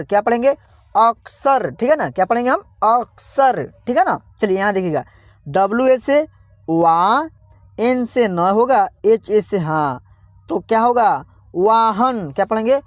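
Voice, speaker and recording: A man teaching beginners online, spelling out words slowly and repeatedly asking viewers how to read them, calling them friends. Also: high voice, dry recording, studio quality. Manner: slow, repetitive spelling-out, constantly quizzing viewers. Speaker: English teacher. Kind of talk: online beginner lesson, reading words aloud.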